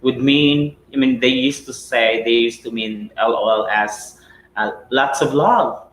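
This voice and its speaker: Speaking with a Filipino accent, this Cebuano-native teacher runs a chatty live English class, constantly asking rhetorical questions ending in "right?" or "okay?". He has a mid-range, somewhat bright voice at a measured pace, captured in a reverberant, low-quality recording.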